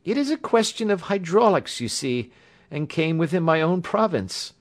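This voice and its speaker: A male reader plays a young engineer from a classic story, pitched high and very animated. He is courteous but badly shaken. His breathless, excitable speech sounds strained by nerves. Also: normal speed. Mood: grimly earnest. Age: mid-twenties. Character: pale, agitated young male engineer, wounded, hysterical, polite.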